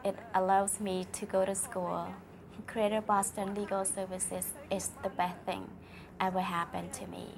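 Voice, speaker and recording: A woman's voice: mid-range voice, level tone, measured pace, vocal fry, background noise. A woman giving a sincere personal testimonial as a legal aid client. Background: guitar music.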